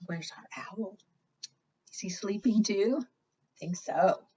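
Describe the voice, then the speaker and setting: This preschool storytime reader has a mid-range, dark-toned, slightly rough voice and speaks slowly. She reads expressively to the young children and quizzes them with questions. The recording is dull and lo-fi.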